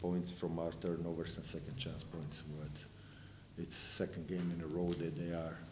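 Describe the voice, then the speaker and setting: Fielding post-game press questions, a middle-aged visiting basketball coach talks a little slowly in a very deep, monotone voice and is blunt about the turnovers. His tone is frustrated and he revises his own words as he goes. A table mic captures the echo and background noise of the sponsor-backdrop press room.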